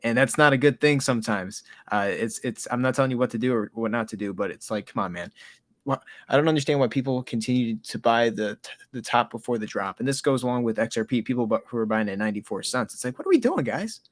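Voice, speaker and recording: Fast, profane, agitated man ranting. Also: mid-range voice, dry recording. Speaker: co-host of a markets show. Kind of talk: casual market chat.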